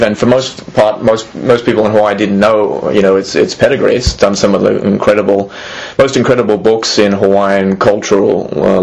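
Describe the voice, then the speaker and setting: Being interviewed, this Australian-born man in his thirties, a museum executive, stumbles through his answers with lots of fillers and false starts. He speaks on the low side with vocal fry and a darkish tone, captured on poor audio.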